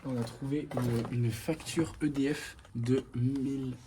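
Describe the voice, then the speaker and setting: A man's voice: medium pitch, fairly even intonation, measured pace. A young Frenchman casually guiding a night exploration vlog with spoken commentary as he goes through an abandoned house. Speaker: urban explorer guiding the visit. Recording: echoey empty house, noticeable noise.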